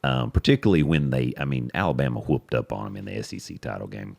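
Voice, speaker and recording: Very deep gravelly man chatting. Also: fast, a little mellow, no echo. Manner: rambling, repeats words while finding his point. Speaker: podcast co-host. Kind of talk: casual sports chat.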